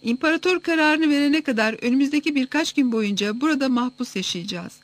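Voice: high voice, brisk, no echo, pitched above the performer's own voice, natural voice. A reader voicing a stern male temple leader who gives orders to a crowd in an audiobook. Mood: commanding. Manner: stern, proclaiming. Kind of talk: audiobook reading.

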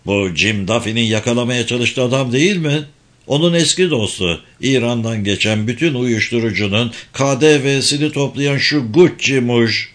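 A man's voice: mid-range voice, moderate pace, a bit bright, close to an everyday voice. A man voicing a male intelligence deputy director who gives urgent, commanding orders in a spy audiobook.

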